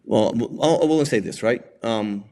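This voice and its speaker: At a moderate pace, a man with a mellow, mid-range voice gives an informal lecture. Originally from Puerto Rico, he's a native Spanish speaker with a Puerto Rican accent who presents as a digital forensics examiner and instructor. He talks conversationally, regularly asking rhetorical questions and adding "right?" to his points.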